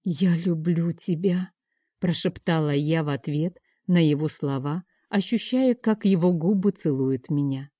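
A woman narrating a romance novel in the first person, with a soft, emotional, measured delivery. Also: sits low, no room sound, clean studio sound. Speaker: audiobook narrator.

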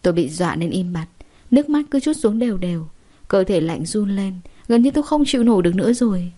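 A young woman narrates a story about herself, keeping a steady, dramatic delivery at a fast pace. Her middle-pitched voice sounds mellow and dark.

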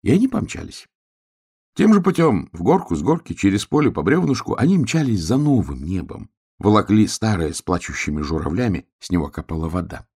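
Low, husky male narrator for a children's storybook, animated intonation. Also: brisk. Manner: expressive, lively storytelling.

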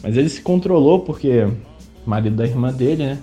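Over soft background music, a man with a mid-range, mellow voice tells a personal story, animated and fairly quick. He's a podcast host from Brazil, and his casual monologue is chatty and indignant, full of fillers.

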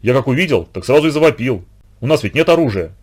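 Brief: man doing a scared, stammering boy, slow and shaky, storybook reading. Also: mid-range voice, lively intonation, darkish tone, husky. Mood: shaken. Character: frightened, shaky young boy.

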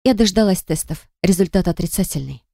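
A woman's voice: on the low side, expressive, fairly quick, creaky, warm tone, dry recording, studio quality. A woman voicing a proud, hurt young woman who speaks sharply and reproachfully. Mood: cold.

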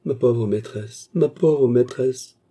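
A man's voice: lowish voice, steady tone, moderate pace, warm tone, breathy edge. A man reading an audiobook, voicing a scheming young maid who fakes tender sorrow. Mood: feigned sorrow. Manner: sugary, feigning sorrow.

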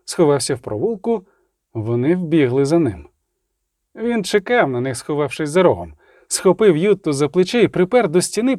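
Man narrating an audiobook, high pitch, very animated, dry close sound. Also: no room sound. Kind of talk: scripted narration.

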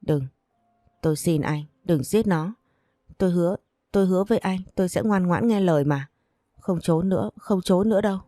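A woman's voice: sits low, moderate pace, warm tone, dry recording, clean studio sound, soft background music. A woman voicing a desperate young mother in a storybook reading, pleading and tearful.

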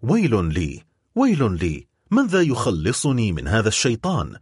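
A man's voice: lowish voice, huge pitch swings, normal speed, breathy edge, no room sound, clean studio sound, heavily acted. A man voicing a lovesick, anguished young man. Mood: desperate. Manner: pleading, distressed. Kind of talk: audiobook character voice.

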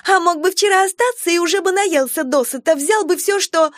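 A woman voicing a vicious young girl with a bratty, taunting, shrill manner. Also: unhurried, a bit bright, no room sound, studio quality. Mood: mocking. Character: feral young girl turned vicious predator.

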